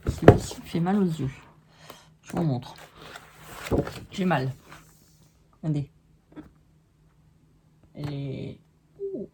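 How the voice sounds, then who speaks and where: A woman's voice: low-pitched, slow, pauses often, heavy background noise. A woman casually showing scrapbooking papers to viewers, chatting and giving frank opinions on each sheet. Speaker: scrapbooking vlogger. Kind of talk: casual show-and-tell of paper pads.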